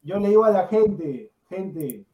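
A man co-hosting a sports talk show, loud and teasing, with mock outrage in his banter. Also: high-pitched, lively intonation, takes it slowly, a crowd in the background, poor audio. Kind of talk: joking studio banter.

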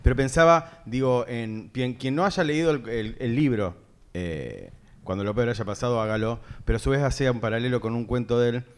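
Man, writer guest, casual talk, halting, many fillers. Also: mid-range voice, clear, resonant tone. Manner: halting, full of fillers and restarts. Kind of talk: casual talk at a literary event.

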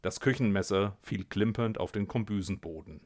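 Wry, low-voiced male storyteller. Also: moderate pace, darkish tone. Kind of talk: reading his own short story.

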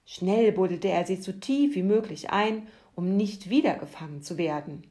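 A woman host telling a parable calmly, softly, sometimes trailing into a whisper. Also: medium pitch, moderate pace. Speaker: podcast host and storyteller. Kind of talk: calm storytelling narration.

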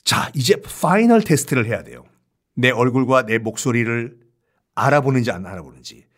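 Animated man telling history. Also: medium pitch, normal speed. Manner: animated, playful, laughing asides. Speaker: history storyteller. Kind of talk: lively storytelling lecture.

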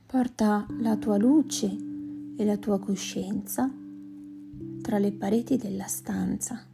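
A woman leading a guided meditation in a slow, soft voice that often sinks to a whisper. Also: medium pitch, vocal fry. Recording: music playing behind voice. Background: plucked guitar music.

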